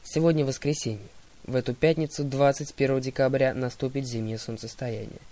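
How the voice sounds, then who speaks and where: A man voicing a wise old male centaur teacher who speaks in a measured, polite way. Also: mid-range voice, fairly even intonation, mellow, lightly acted.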